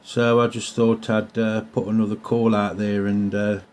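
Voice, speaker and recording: An amateur CB radio operator from England chats casually and a little hesitantly during a radio contact, using CB jargon in an English accent. His lowish voice has a darkish tone and a flat delivery at a moderate pace, with faint radio hiss and static.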